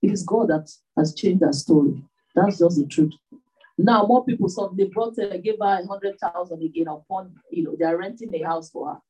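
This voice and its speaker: A woman delivers a sermon, pressing her points with repeated rhetorical questions. Her voice is husky and mellow, and she sounds set back from the microphone. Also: fairly low pitch, moderate pace, far from the mic, low-quality recording. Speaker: preacher.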